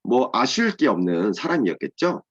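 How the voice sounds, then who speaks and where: Male children's pastor, animated and clear, simple explanations, muffled lo-fi recording. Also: medium pitch, moderate pace. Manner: simple, explanatory, asks and answers own questions. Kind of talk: children's sermon. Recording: dull lo-fi sound.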